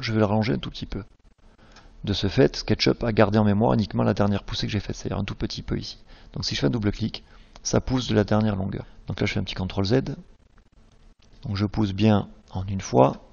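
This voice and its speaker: A man teaching a screen-recorded software tutorial, patiently explaining each click step by step. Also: lowish voice, gravelly, husky, dull audio.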